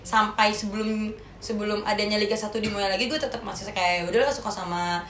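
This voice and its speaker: A woman's voice: mid-range voice, little pitch movement, fast talker, a bit bright. A woman with a Jakarta accent chatting casually and informally, in slangy speech, as a podcast guest. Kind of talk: casual chat. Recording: echoey room with faint noise.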